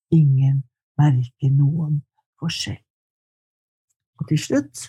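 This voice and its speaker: A woman reading her poetry aloud in slow, measured lines, then answering questions in conversation. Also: fairly low pitch, mellow, breathy edge. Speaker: poet and guest.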